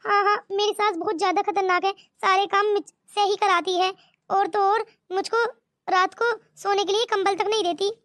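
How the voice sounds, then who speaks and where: A woman voicing a young new bride in a cartoon, defensive and pleading with a shrill tone. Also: fairly even intonation, moderate pace, fairly bright tone, dry recording, studio quality.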